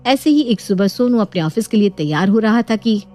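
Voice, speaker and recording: A woman's voice: medium pitch, moderate pace, soft background music. Woman narrating a cartoon story. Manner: steady storytelling.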